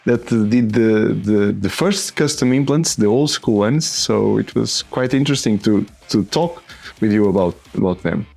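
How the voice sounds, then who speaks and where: A man's voice: fairly low pitch, a little slow, creaky, a little mellow. A man from Portugal who speaks English with a Portuguese accent, talking as a dentist in a hesitant way and repeating his words. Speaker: dentist and course mentor.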